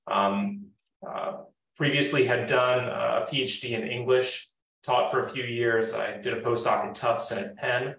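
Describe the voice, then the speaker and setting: A man's voice: mid-range voice, a bit bright, roomy sound, recorded from a distance, rough recording. A man in his thirties teaching an online class on a video call, organized and friendly with frequent fillers. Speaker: instructor.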